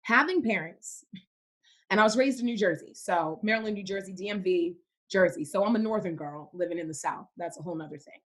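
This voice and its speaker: A woman's voice: mid-range voice, brisk. A young woman from Cameroon, a podcast guest in casual faith-based conversation, who speaks emphatically and repeats words for stress.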